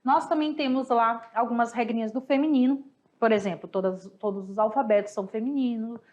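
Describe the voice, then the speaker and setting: A woman's voice: on the high side, fairly quick, darkish tone, highs cut off. A woman teaching a recorded review lesson, talking affectionately to her students and explaining step by step with paired examples. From Brazil. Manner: affectionate, chatty, addresses students as "galera". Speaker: Spanish teacher.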